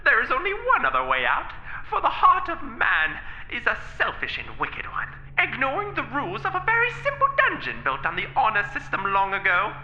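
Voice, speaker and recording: Grandiose dungeon villain, a woman voicing him, magically amplified to boom from all sides, high, very bright, lo-fi echo. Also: wildly swooping pitch, a little fast, hardly any pauses, a little hiss or hum, heavily acted. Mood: gloating. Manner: grandiose, laughs maniacally. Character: booming male dungeon villain, gleeful and theatrical. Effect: magically amplified voice booming from all around. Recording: echoey, dull lo-fi sound.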